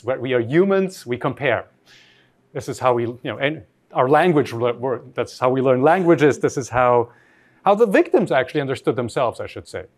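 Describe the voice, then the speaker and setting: A man from Austria giving an academic lecture, reflective and posing rhetorical questions to his audience. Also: mid-range voice.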